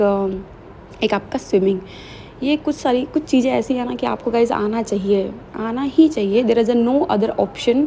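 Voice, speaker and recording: Young woman rambling thru her day vlog style, mixes in english bits, a bit high and gravelly. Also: warm tone, a little hiss or hum. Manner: chatty, mixing English phrases into Hindi. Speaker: vlogger. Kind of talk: casual vlog voice-over.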